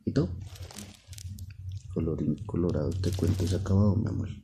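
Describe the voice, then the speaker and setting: A father telling his child a bedtime story at home, in a soft, unhurried way with lots of repetition. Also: low voice, slight background noise.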